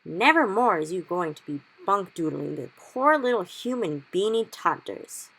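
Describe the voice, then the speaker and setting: A woman's voice: fairly low pitch, lively intonation, moderate pace, gravelly, exaggerated voice, poor audio. A woman doing a ranting, word-mangling friendly giant. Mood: distraught. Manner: ungrammatical made-up words, loud anguished exclamations. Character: giant, big friendly male, mangles grammar, excitable.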